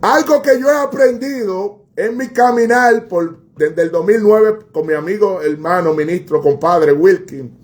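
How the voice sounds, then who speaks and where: A male preacher with a strikingly high voice. He delivers a fervent sermon, repeating key phrases and calling out to God again and again. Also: unhurried, darkish tone.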